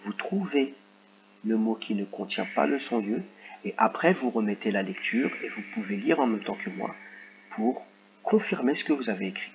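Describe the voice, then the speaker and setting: A man teaching a recorded phonics lesson to young children, dictating words slowly and clearly. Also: fairly low pitch, expressive, muffled recording, noisy background. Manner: slow, carefully articulated word dictation.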